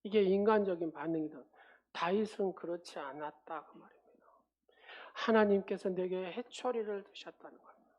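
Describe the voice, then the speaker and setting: A woman's voice: fairly low pitch, normal speed, darkish tone, lo-fi sound. A woman pastor preaching a sermon at a church service, driving her points home with repeated phrases and questions to the congregation.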